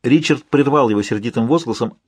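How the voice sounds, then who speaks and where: A man narrating an audiobook in the first person, with steady, measured storytelling. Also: mid-range voice, husky, dry recording.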